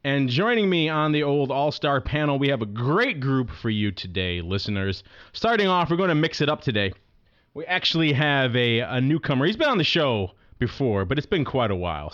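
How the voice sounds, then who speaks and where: A man's voice: medium pitch, animated, moderate pace, a bit bright, lo-fi sound. A man hosting a show in a casual radio style with playful, announcer-like patter. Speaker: podcast host.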